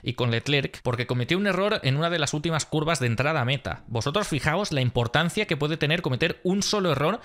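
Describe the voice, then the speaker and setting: A man's voice: fairly high pitch, lively intonation, fast talker, few pauses, fairly bright tone. A man hosting a post-race analysis vlog, retelling events in an emphatic, exasperated way. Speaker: motorsport vlogger.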